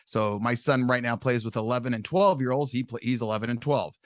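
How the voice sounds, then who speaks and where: A man in his forties from California, a long snapping coach telling his life story as a podcast guest, quick and animated with some mild swearing. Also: medium pitch, no echo, studio quality. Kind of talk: casual storytelling interview.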